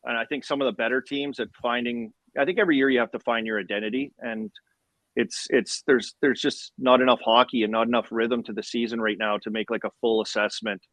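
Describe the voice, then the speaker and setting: A man's voice: mid-range voice, fairly even intonation, a little fast, a bit bright, no echo. A man talking casual sports as a slangy, chirpy hockey bro ex-player. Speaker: former hockey player guest.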